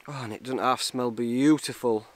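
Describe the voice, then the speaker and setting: A man's voice: medium pitch, steady tone, normal speed. A man in his thirties with a Northern English accent, chatting casually for a camping vlog and muttering asides as he works outdoors. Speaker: wild camping vlogger. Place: outdoors in woods by a ruined brick building.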